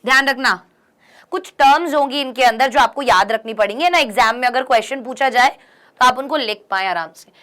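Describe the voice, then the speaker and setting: A young woman teaching an exam-prep lesson, reading English lines slowly and then explaining them, often asking her students questions to check they follow. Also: high voice, bright, forceful tone.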